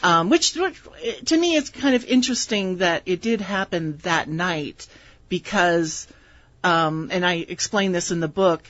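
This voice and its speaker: A woman's voice: fairly low pitch, expressive, a little slow, a bit bright, no echo. Woman author, radio guest, thoughtful explanations, dry studio sound, dull audio. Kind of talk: radio interview.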